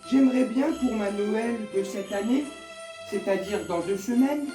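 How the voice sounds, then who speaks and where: A man voicing a small child writing a letter to Santa, slow and pleading. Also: high voice, echoey room, recorded from a distance, music in the background.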